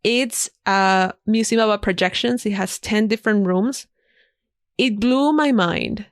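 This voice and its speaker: She has a mid-range voice and talks a little slowly, recorded in a podcast studio with clean sound and no room noise. A native Spanish speaker, she's a guest in a casual interview, enthusiastically recommending things with emphatic repetition.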